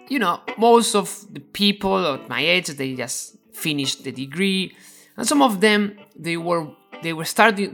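A podcast host from Spain talks in Spanish-accented English at a middling pitch, explaining step by step. The speaker often restarts and repeats words while searching for the phrasing. Soft guitar plays faintly underneath. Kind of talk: educational podcast monologue.

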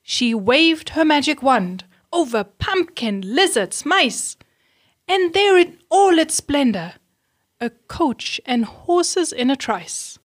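Slow woman reading a rhyming storybook. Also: sits high, big pitch swings, no room sound, studio quality. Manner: slow, clear rhyming delivery with questions to children. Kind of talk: storybook read-aloud.

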